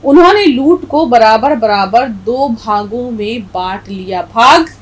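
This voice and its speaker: A woman teaching Urdu letters slowly and clearly, while reading a story aloud. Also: fairly high pitch, lively intonation, slight background noise, rough recording. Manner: slow, clear, spells out letters deliberately. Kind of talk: language lesson with story reading.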